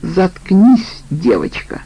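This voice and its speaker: A woman's voice: fairly low pitch, big pitch swings, slow pace, breathy edge, muffled recording, exaggerated voice. A woman voicing a curt, guarded male criminal in a storybook reading. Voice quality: curt, brusque.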